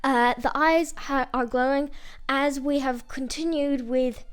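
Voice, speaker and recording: A woman's voice: high-pitched, fairly even intonation, measured pace. A woman talking through her digital drawing in a casual voice-over, rambling and hesitant, often restarting and laughing at herself. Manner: self-mocking, laughs at herself. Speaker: digital artist.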